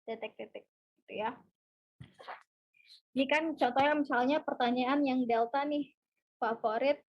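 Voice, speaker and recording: Woman, teacher, webinar lesson, high voice, slightly dull audio. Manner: mixes English into explanations, slow model sentences. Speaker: English teacher. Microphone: video call.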